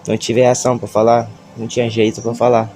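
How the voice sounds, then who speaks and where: A man with a Brazilian Portuguese accent giving a church testimony, nervous, halting and stammering as he retells it with feeling. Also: medium pitch, completely flat delivery, warm tone, slight background noise.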